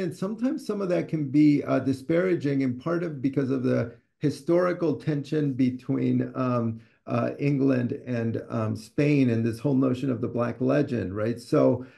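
Answering questions over a webcam video call from his book-lined home study, a sixty-something Ecuadorian author and scholar speaks in a conversational way. He sounds thoughtful yet hesitant, full of fillers and restarts, in a mellow, mid-range voice with vocal fry.

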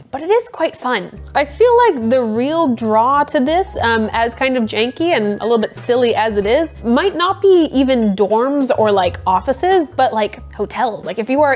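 Chatty playful young woman vlogging, kinda high voice, giggly, faint music in the back. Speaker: coffee video host. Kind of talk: casual product-review vlog.

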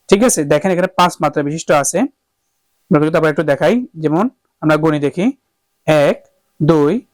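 This is a man with a fairly high pitch in a dry recording, running a voice lesson accompanied by harmonium. He explains every stage, regularly asks his students "okay?", and demonstrates sustained vowel exercises in song.

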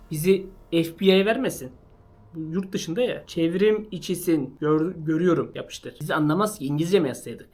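Excitable young man vlogging. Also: high-pitched. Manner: excitable, slangy, joking. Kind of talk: casual parody chat to camera.

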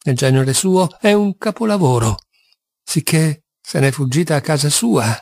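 A man's voice: a little high, expressive, moderate pace, darkish tone, no echo. A man reading an audiobook, voicing a passionate, tormented young man who swings between despair and wild exultation. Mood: feverish.

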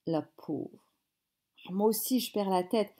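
A woman performs a comic stage play with a theatrical, unhurried delivery. Her voice is mellow and soft-edged, and she drops into hushed asides now and then. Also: medium pitch.

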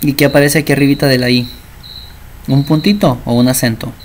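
A man's voice: mid-range voice, fairly even intonation, brisk, a little hiss or hum. A man teaching a programming class, chatty and constantly checking that his students understand. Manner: acts out little dialogues. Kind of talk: programming lesson.

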